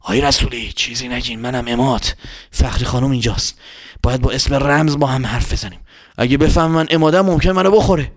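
A man's voice: medium pitch, natural voice. A man voicing a frightened young boy who stammers and panics. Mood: nervous. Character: frightened young boy, jumpy and fast-talking.

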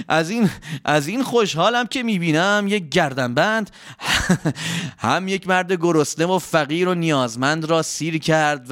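A man doing an excitable chatty servant. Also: high voice, voice pushed up. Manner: raised, animated voice, quick and exclamatory.

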